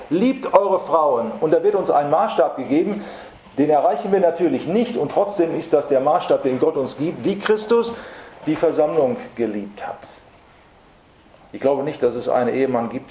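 Male preacher, emphatic sermon delivery, dark tone, roomy hall sound. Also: a little high. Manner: earnest, emphatic, with slow stressed repetitions. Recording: roomy hall with faint background noise.

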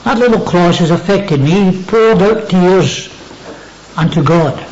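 A man's voice: high-pitched, measured pace, a little mellow. Emphatic preacher man, echoey lo-fi recording. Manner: dwells on words with emphatic repetition. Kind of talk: sermon.

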